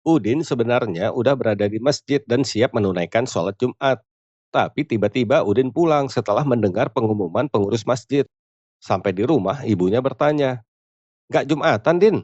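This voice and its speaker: A man narrating short comic stories in a plain, lively storytelling tone. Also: medium pitch, brisk, dry recording, muffled recording.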